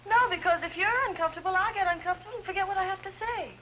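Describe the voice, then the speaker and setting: A muffled, noisy old film soundtrack carries a scatterbrained young heiress. She rattles off screwball comedy banter in a high voice, gushing and bossy, hopping between stray thoughts. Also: very fast. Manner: screwball comedy banter, chattering in rambling non sequiturs.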